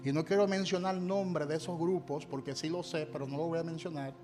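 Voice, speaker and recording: A male pastor preaches to his congregation in a high voice. He drives his points home with emphatic refrains and has the congregation repeat lines after him. Music plays clearly underneath. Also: steady tone, brisk. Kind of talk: sermon.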